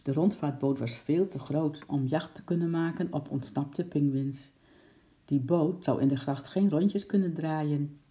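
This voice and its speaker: Dark-toned man reading a children's story. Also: on the high side, measured pace. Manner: lively storytelling with character voices. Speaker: narrator.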